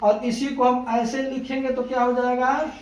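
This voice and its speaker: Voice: high voice, level tone, moderate pace. A teacher giving a classroom lesson, patiently asking the same questions again and repeating the answers to check that students understand. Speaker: Urdu teacher. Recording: roomy, distant, dull lo-fi recording with loud noise.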